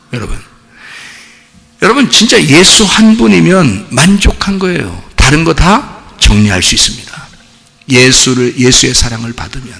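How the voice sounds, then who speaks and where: A man preaching a sermon as pastor, emphatic and animated, repeating his exhortations to the congregation. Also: mid-range voice, creaky, in a large hall. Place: church sanctuary.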